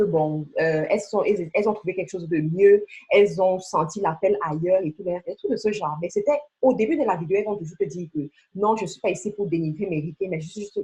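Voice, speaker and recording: Heard over poor audio, a woman with a mellow, medium-pitched voice gives a motivational sales training talk. As a beauty sales team leader and trainer, she addresses the listener directly, emphatic and coaxing, and leans on rhetorical questions.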